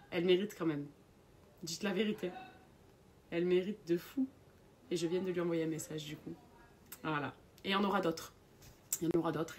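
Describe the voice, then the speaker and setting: A woman's voice: lowish voice, a little mellow, reverberant, a little hiss or hum. A young woman talking casually to her followers in a vlog, chatty and enthusiastic, promoting products and running a giveaway. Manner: chatty, enthusiastic, repeats phrases. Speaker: vlogger.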